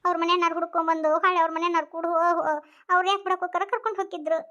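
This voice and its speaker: Someone voicing a soothing village aunt, high. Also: flat delivery, rapid-fire, sharp tone, highs cut off. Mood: consoling. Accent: North Karnataka Kannada. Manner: soothing, coaxing. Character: older village aunt, calm consoling elder sister.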